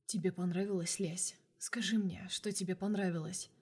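A woman reading an audiobook, voicing a teasing, flirty male boss in a low, hushed half-whisper. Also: fairly even intonation, moderate pace. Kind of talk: audiobook character voice.

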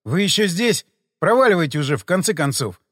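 Brief: male reader doing a hungover, lovesick young man, tired wry delivery, lively pitch. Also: fairly quick, no echo, clean studio sound. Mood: weary, wry.

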